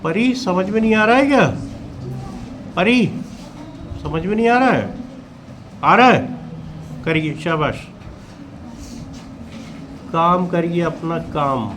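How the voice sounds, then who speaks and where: A man teaching in a classroom, calmly coaxing students during a test and calling them by name. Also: high voice, slow pace, long pauses, slight background noise.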